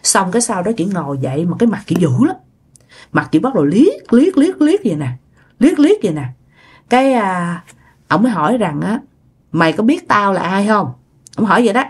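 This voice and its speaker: A woman's voice: mid-range voice, sing-song, fairly quick, darkish tone, husky. Chatty woman telling a ghost story. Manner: chatty, addressing listeners directly. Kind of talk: casual ghost story narration.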